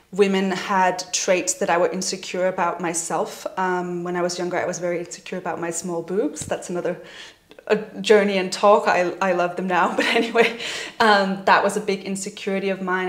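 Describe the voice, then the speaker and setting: A woman in her twenties talking candidly and gently in a personal vlog, reflecting on her own experience and laughing now and then. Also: medium pitch. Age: 20s. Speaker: vlogger. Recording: roomy echoey room.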